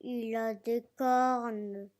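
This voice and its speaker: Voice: mid-range voice, steady tone, very slow, a little mellow. A performer playing a small, solemn, insistent little boy prince in a theatrical, dramatic storybook reading, speaking earnestly.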